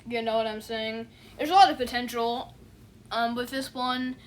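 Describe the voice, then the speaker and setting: A woman with a fairly high pitch talks at a moderate pace in a steady tone. She's an online reviewer rambling through a casual review, dismissive and unimpressed, with plenty of fillers and the repeated phrase "you know what I'm saying."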